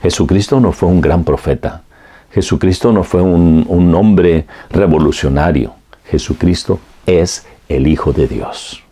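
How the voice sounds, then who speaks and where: A man's voice: deep voice, a little slow, mellow. A male pastor preaching a sermon, earnest and direct, speaking to the listener as a friend with repeated phrases. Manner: repetitive preaching cadence.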